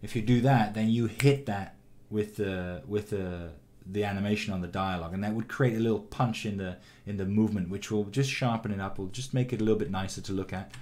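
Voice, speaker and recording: A man teaching animation, giving a calm, encouraging critique of a student's shot with frequent ums and restarts. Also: fairly low pitch, fairly quick, hardly any pauses, a little hiss or hum. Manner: calm, encouraging, many fillers. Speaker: animation instructor. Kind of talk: recorded critique of student work.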